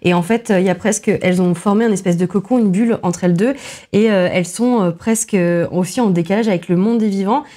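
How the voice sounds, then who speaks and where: Woman podcaster, mellow mid-pitched voice, hesitant chatty critic. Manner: many filler pauses, restarts, self-deprecating asides. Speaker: film podcast co-host. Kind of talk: casual film analysis chat.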